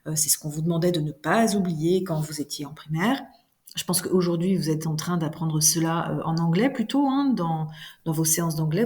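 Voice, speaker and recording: A woman teacher giving a recorded grammar lesson, explaining slowly and deliberately with frequent hesitations. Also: lowish voice, a little mellow. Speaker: French teacher.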